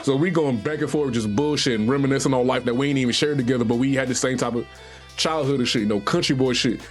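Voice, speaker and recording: A man's voice: mid-range voice, fast, soft background music. A young man from Virginia with a Southern accent, telling a profane, slangy story on a live stream and acting out what other people said. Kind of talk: casual storytelling.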